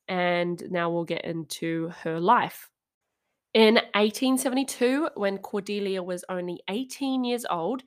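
A young adult woman hosting a podcast, telling a true-crime story in a casual, chatty and wry way with frequent asides. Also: medium pitch. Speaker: podcast host.

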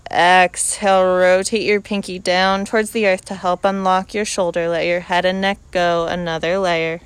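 Female yoga instructor, very clear smooth tone, even and calm delivery, unhurried short cues. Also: on the low side, no room sound. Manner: calm, unhurried cueing in short measured phrases. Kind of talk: guided yoga class instruction.

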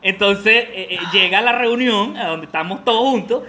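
A man's voice: sits high, normal speed, pushed and bright, slight background noise. A man with a Venezuelan accent co-hosting a casual chat, telling stories and acting out voices, laughing often. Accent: Venezuelan Spanish. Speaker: podcast co-host.

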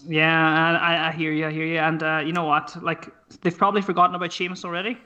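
A man's voice: fairly high pitch, flat delivery, quick pace, pushed and bright, muffled recording. A man with a Donegal Irish accent, chatting casually and swearing freely as a podcast guest.

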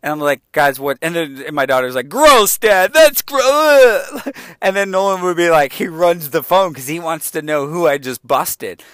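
A man, a father in his forties, talking casually and candidly with animated asides. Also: a little high, fairly quick, few pauses, no echo, studio quality. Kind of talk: casual chat.

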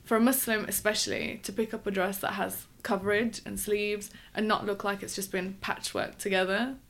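A woman talks through her work as a guest on a casual podcast. She is thoughtful and pauses on frequent ums. Her voice sits at an ordinary middle pitch. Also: level tone, a bit bright. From England. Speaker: wedding dress designer, guest. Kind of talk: conversational interview.

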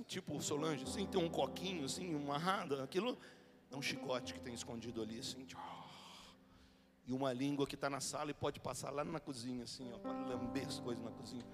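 A middle-aged man with a Brazilian Portuguese accent preaching a humorous testimony sermon. He tells the story in a lively way and acts out the people he quotes. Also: mid-range voice.

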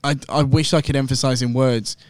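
Young man rambling excitedly on a podcast. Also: medium pitch, brisk, no echo, clean studio sound. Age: young adult. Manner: rambling, excitable storytelling with many fillers. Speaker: guest host. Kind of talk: casual podcast chat.

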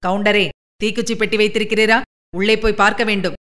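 A woman voicing a blustering, cowardly city man who talks fast and loud. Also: medium pitch, little pitch movement, natural voice. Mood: anxious.

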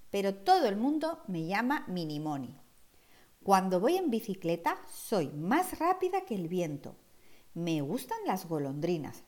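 A woman voicing a cheerful, curious little girl in an expressive, wondering storybook read-aloud. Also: medium pitch.

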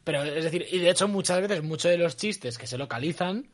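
A man in casual podcast chat, jumping in quickly and correcting himself as he goes. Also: on the high side, animated.

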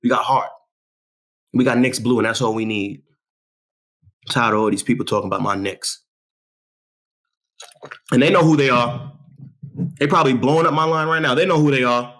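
A young man from New York hosting a talk show, ranting about his basketball team in an animated, boastful way with lots of street slang. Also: mid-range voice, moderate pace, long pauses. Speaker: show host. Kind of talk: hyped sports talk monologue.

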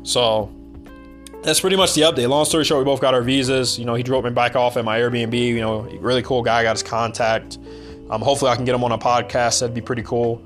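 A man's voice: mid-range voice, flat delivery, fast talker, fairly bright tone, soft background music. A man from the United States hosting a podcast, talking in a blunt, rambling casual monologue and swearing freely. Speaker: podcast host.

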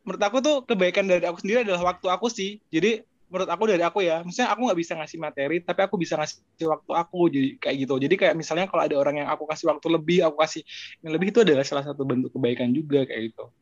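Fast-talking high-voiced young man. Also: no echo, muffled recording. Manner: rambling, animated storyteller with many fillers. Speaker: discussion panelist. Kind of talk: casual chat.

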